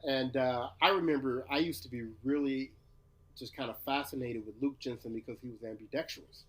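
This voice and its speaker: A man's voice: medium pitch, steady tone, brisk. A man from Louisiana, co-hosting a casual podcast chat in a playful, teasing way. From Louisiana, USA. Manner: laid-back, playful, teasing. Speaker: podcast co-host.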